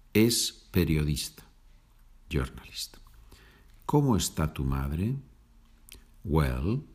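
A man hosting a podcast lesson, patiently explaining Spanish phrases in English and repeating them slowly. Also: very deep voice, darkish tone, husky. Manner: slow, patient, explains with small laughs and repeats. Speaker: Spanish teacher, podcast host. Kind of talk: slow bilingual language lesson.

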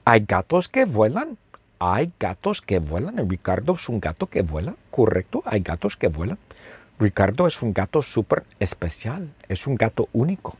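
Guy telling a slow silly story, repeats everything, voice jumps all over, kinda husky. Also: on the low side, huge pitch swings, darkish tone, dry recording. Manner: repeats phrases and asks the listener questions; playful, with sound effects. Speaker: storyteller for language learners. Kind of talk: slow, simple storytelling with lots of repetition.

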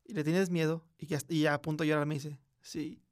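A man's voice: fairly high pitch, flat delivery, fairly quick. Slangy Mexican man telling a ghost story. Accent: Mexican Spanish. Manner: slangy, swearing, acts out a child's quiet voice in quotes. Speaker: podcast host. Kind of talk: casual storytelling chat.

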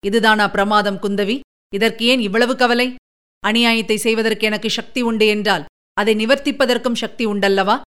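A woman voicing a calm, patient emperor speaking gently to his daughter. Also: a little high, moderate pace, clear, resonant tone, lightly acted. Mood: reassuring. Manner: gentle, soothing, reasoning.

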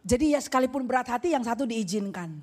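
High-voiced woman pastor preaching. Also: fast. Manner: lively storytelling, acts out family dialogue. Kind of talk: sermon with Indonesian-English code-switching.

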